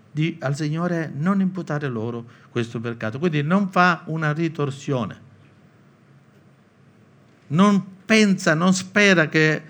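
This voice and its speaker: A man from Italy preaching a sermon, acting out biblical quotes with animated, lively delivery. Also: on the high side.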